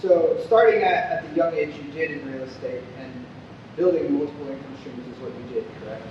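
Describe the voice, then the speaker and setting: A man hosting an interview, working through prepared questions and checking facts, heard over a low quality stream. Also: brisk. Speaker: host, interviewer. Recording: muffled, echoey, distant low-quality stream with noise.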